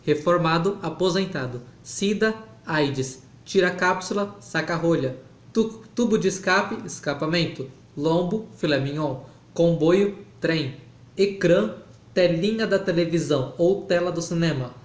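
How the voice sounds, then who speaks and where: A man with a raised pitch reads an academic text aloud slowly and carefully, halting and restarting as he goes. An echoey room gives his voice a roomy sound.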